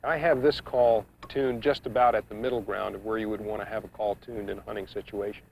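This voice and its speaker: A man giving an instructional demonstration, explaining each step in a measured, practical way. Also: on the low side, fairly even intonation, creaky, heavy background noise. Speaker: duck calling instructor. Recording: muffled, dull 1990s instructional video sound.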